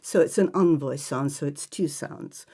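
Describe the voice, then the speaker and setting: A woman teaching phonics to trainee teachers, slowly drawing out each example sound. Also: deep voice, dark tone, breathy edge. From Ireland.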